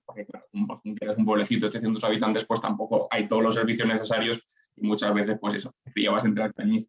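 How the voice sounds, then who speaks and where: A man's voice: lowish voice, highs cut off. A young man in his twenties from Spain, a political scientist answering interview questions in structured points with rhetorical questions. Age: 20s.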